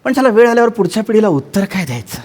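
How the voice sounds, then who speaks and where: A Marathi man performs a stage comedy sketch in a high, whiny voice, pleading and repeating himself as he complains. Faint music plays under the scene. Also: sing-song, very fast, a little mellow. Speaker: comic actor in a sketch. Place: television studio stage.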